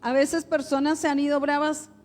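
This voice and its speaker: A woman's voice: sits high, level tone, moderate pace, darkish tone. A woman pastor, preaching a sermon in a conversational way, with rhetorical questions to the congregation.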